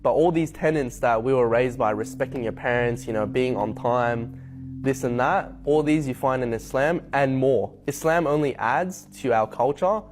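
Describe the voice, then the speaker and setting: A young man from Hong Kong telling his personal story to camera, reflective and unhurried, with frequent ums. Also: mid-range voice, slight background noise. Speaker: convert sharing his story. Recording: faint music bed behind voice.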